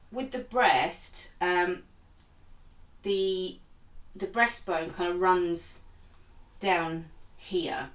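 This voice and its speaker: A woman's voice: fairly low pitch, recorded from a distance. Chatty woman in an echoey kitchen. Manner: chatty and rambling, self-mocking asides. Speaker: home cook and channel host. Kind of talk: casual cooking demonstration. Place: small home kitchen.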